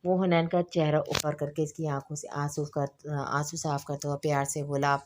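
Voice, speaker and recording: A woman reading a romance novel aloud in steady narration, with small slips and restarts. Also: deep voice, moderate pace, noisy background. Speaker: audiobook narrator.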